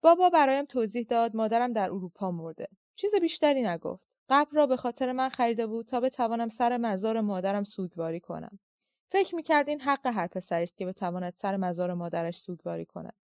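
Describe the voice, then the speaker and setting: A woman's voice: fairly high pitch, expressive, darkish tone, dry recording. Woman narrating an audiobook, dry sound. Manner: measured, reflective reading.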